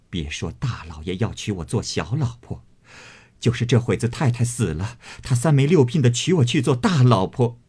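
A man's voice: fairly low pitch, warm tone, slightly rough, exaggerated voice. A man reading the part of a proud, fiery young maidservant who answers sharply and with indignation. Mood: earnest.

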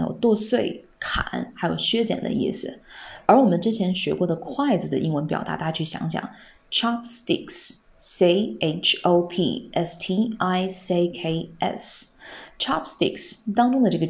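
A woman with a low, gravelly voice teaches English on a podcast. She is patient, repeats each phrase slowly and asks her listeners questions. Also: darkish tone.

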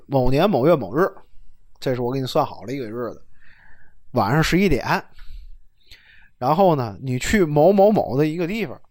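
A man telling casual anecdotes in a chat, animated and laughing, swinging between loud and soft with coarse slang. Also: medium pitch. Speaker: storyteller host.

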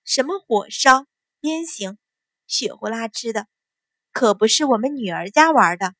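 A woman voicing a sly young maidservant who mocks a captive in soft, teasing taunts. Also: on the high side, lively intonation, measured pace, dry recording, clean studio sound.

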